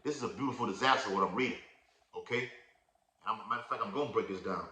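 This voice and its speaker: A fervent male preacher with a bright, forceful voice. He mixes casual slang with loud, emphatic scripture readings. The sound carries a roomy echo. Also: fairly low pitch, quick pace. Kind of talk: prophecy sermon with scripture reading.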